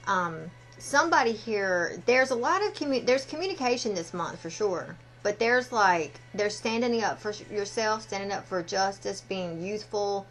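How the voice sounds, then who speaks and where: A woman fortune teller giving a casual card reading, speaking haltingly and directly to the listener. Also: mid-range voice, fairly bright tone, poor audio. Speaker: fortune teller, tarot and oracle card reader.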